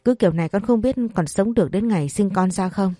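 A woman voicing a scheming pregnant young maid who wails and pleads fast in fake tears. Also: medium pitch, mellow, dry recording, lightly acted. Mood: wailing.

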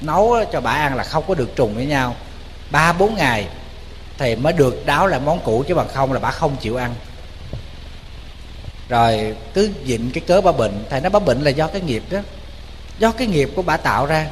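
A man with a Southern Vietnamese accent, a Buddhist monk telling a story in a sermon, animated and colloquial, speaking straight to his audience. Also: on the high side, a little fast, big-room sound, slight background noise.

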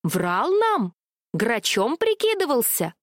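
A woman's voice: a little high, takes it slowly, no room sound, clean studio sound, full character voice. Woman doing a hot-tempered, indignant rook. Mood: accusing. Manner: indignant, excitable.

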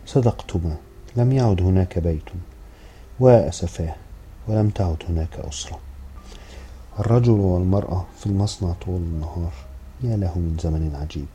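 A man reading an old grandmother's lines in an audiobook, giving her a sharp, scolding tone. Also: deep voice, a little fast, long pauses, a little hiss or hum, lightly acted. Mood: lamenting. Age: older. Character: stern old grandmother, strict and fretful.

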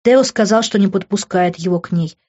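A woman's voice: medium pitch, fairly quick, mellow, muffled recording, natural voice. A woman reading the lines of a guilty, defensive middle-aged man who sighs. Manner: sighing, defensive.

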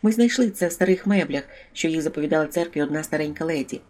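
An audiobook reader voicing a timid, slow-witted elderly male priest who hesitates and stumbles over his words. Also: medium pitch, natural voice. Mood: hopeful. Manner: hesitant, stumbling, drops to a hushed whisper. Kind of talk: audiobook character voice.

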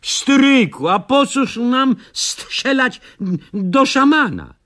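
A man voicing a timid young male villager who asks anxious, drawn-out questions. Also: very high-pitched, lively intonation, a bit bright, voice pushed up, exaggerated voice. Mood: puzzled. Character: timid young villager nephew, easily frightened.

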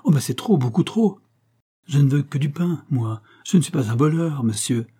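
A man's voice: medium pitch, normal speed, mellow, slightly rough, natural voice. A man voicing a starving young workman who pleads in breathless outbursts. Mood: pleading. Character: starving young male worker, desperate and proud.

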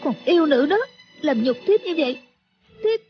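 Man putting on a young heroine, high falsetto, soft and plaintive, dull lo-fi sound. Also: animated, moderate pace. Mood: hurt. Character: young woman, wronged and anxious. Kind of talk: audiobook character voice.

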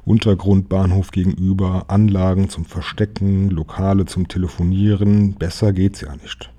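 A man's voice: sits low, level tone, normal speed. The Professor, a bossy clever boy, as a man reads him. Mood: brisk. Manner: sharp, commanding. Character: clever boy leading a gang of young detectives.

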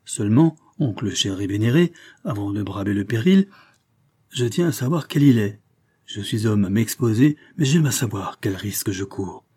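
A man's voice: fairly low pitch, lively intonation, normal speed, dark tone, slightly rough. A man reading aloud and voicing a provocative, mocking young male swindler in a storybook. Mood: taunting. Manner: provocative, taunting, cool.

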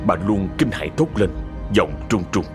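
A man reading a horror story in a dramatic, expressive narrating voice. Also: low voice, moderate pace, over music.

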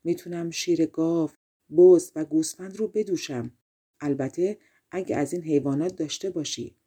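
Woman reading as a polite young hero, storybook, earnest, mellow, breathy. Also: low-pitched. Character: young male hero seeking work, polite.

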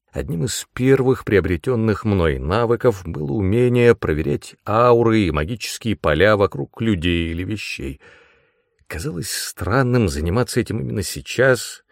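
A man narrating a first-person audiobook in an expressive, measured way. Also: on the low side, gravelly, dry recording, studio quality.

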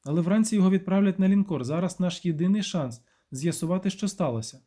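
A man voicing a brisk, urgent woman lab chief. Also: high-pitched, warm tone. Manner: urgent, clipped.

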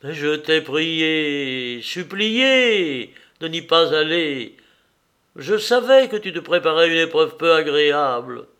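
A man voicing a stern, restrained young officer in an audiobook, speaking slowly and firmly. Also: fairly high pitch, expressive, a bit bright, heavily acted. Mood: pleading. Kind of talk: audiobook character reading.

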